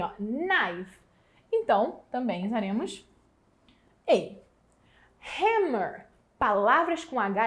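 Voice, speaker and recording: A woman from Brazil with a Brazilian Portuguese accent, teaching an exam prep English lesson and slowly stretching out the example words. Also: sits high.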